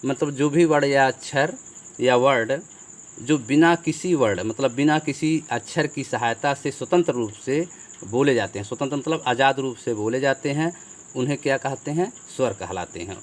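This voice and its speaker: A man's voice: mid-range voice, moderate pace. A man teaching a grammar lesson, patiently explaining, asking questions aloud and answering them himself.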